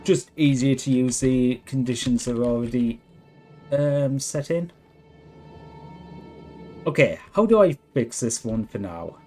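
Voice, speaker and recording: A man's voice: medium pitch, lively intonation, a little slow, pauses often, mellow, faint music behind. A man streaming a video game, chatting casually in a self-deprecating way. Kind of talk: casual livestream chat while gaming.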